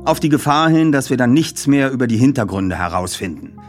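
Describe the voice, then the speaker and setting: A man's voice: mid-range voice, expressive, fairly quick, soft background music, natural voice. A man reading the lines of a methodical male detective leader in an audiobook. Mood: serious.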